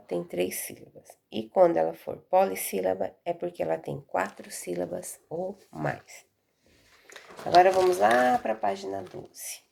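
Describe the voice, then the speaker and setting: Gravelly-voiced Brazilian woman teaching. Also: fairly low pitch, a little mellow. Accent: Brazilian Portuguese. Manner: patient, explains step by step, checks understanding with "tá?". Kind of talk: recorded Portuguese lesson.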